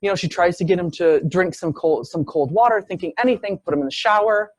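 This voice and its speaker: Male lecturer, slightly high voice, dry close sound, narrates cases vividly. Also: fast, no room sound. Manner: storytelling, acts out quoted speech. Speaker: visiting professor lecturing. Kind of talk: medical case lecture.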